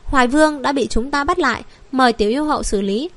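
A woman's voice: high-pitched, quick pace, dry recording, lightly acted. A woman reading a formal male clan elder. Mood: respectful. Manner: formal, respectful report.

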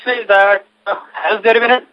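A man's voice: high voice, fairly even intonation, normal speed, no room sound. A man asking questions on a conference call, his phone audio choppy and breaking up. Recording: broken-up phone line.

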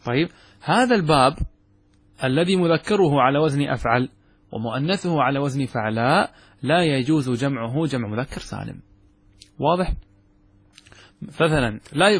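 A man teaches a grammar lesson in a husky, mid-pitched voice. He works through examples step by step and keeps checking that his students follow. The sound is dry and close to the mic. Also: lively intonation, no echo. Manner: explains step by step, checks understanding with quick questions. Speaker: sheikh teaching Arabic grammar. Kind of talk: classroom lecture.

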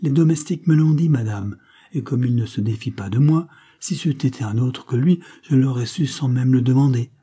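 Guy doing a polite servant spy, mellow husky voice. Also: medium pitch, moderate pace, close to an everyday voice. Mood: deferential. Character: the cormorant, deferential male servant spy.

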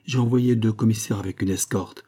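A man's voice: fairly low pitch, fairly even intonation, a little fast, dark tone, husky. A man reading aloud, voicing a dignified, anxious middle-aged male official who pleads and warns.

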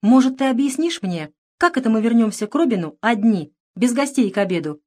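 A woman reading a storybook, voicing a big, brash male outlaw who mocks and threatens loudly. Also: on the high side, animated, normal speed, pitched above the performer's own voice. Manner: sneering, loud.

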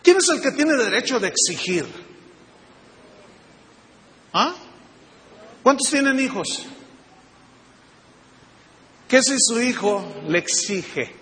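A pastor preaching a sermon to his congregation, animated and full of rhetorical questions. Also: very high-pitched, takes it slowly, pauses often. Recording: long reverb of a large hall.

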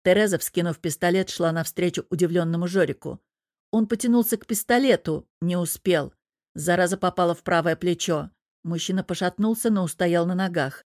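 A woman narrating an audiobook in a steady storytelling manner. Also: on the low side, a little fast, dry recording, studio quality.

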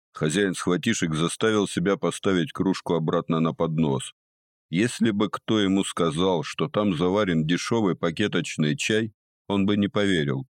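A man with a very deep voice reads the narration of an audiobook at an even, measured pace. The sound is dry and close, with no room around it. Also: no room sound. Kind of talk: scripted narration.

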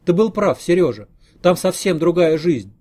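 A man's voice: fairly high pitch, big pitch swings, normal speed, darkish tone, slightly rough, voice pushed up. A man reading an audiobook, voicing an anxious, devoted middle-aged wife in a raised, pleading voice. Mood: fretful.

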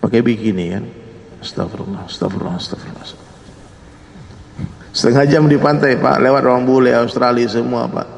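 A man preaching a sermon and telling animated stories, often turning to address his listeners directly. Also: medium pitch, a little fast, gravelly, hardly any pauses, long reverb tail, a little hiss or hum. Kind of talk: humorous sermon storytelling.

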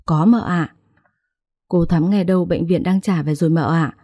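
A woman's voice: lowish voice, normal speed, mellow, slightly rough, no echo, studio quality. A woman voicing a worried, chatty young housemaid in a family drama story. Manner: worried, gossipy.

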